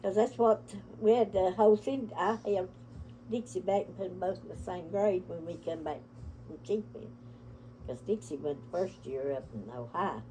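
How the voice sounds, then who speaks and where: An older Appalachian grandmother from the United States reminisces casually with relatives, telling family stories in a folksy, rambling way. Her voice is fairly low, and background noise can be heard.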